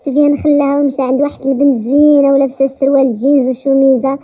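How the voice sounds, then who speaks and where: A woman with a Moroccan accent narrating a first-person romance story in a brisk, chatty way. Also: sits high, flat delivery, mellow. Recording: dull lo-fi recording.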